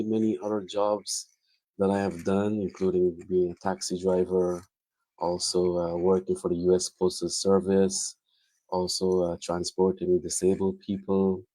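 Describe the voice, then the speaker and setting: Man, middle-aged, earnest panelist, dark mellow tone, dry sound. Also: low-pitched, no room sound, rough recording. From Guyana. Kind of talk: personal introduction on a webinar panel.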